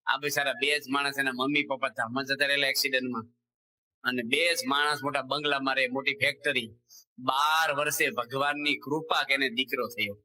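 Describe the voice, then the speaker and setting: Bright-toned Gujarati swami preaching. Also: male voice, medium pitch, a little fast, rough recording. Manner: animated storyteller, voicing characters in quoted dialogue. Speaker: swami giving a religious discourse. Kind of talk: sermon with storytelling.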